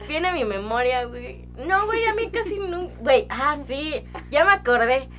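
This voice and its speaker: A young woman with a Mexican accent telling childhood stories in a casual podcast chat, animated and slangy, acting out her younger self. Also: high-pitched, normal speed. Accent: Mexican Spanish. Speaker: podcast co-host.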